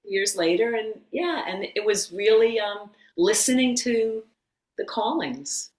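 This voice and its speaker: A middle-aged woman, a yoga teacher and former occupational therapist, telling her story as a guest in a casual interview, animated and quick to laugh. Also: mid-range voice. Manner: animated storyteller who acts out quotes and laughs often. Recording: roomy echo.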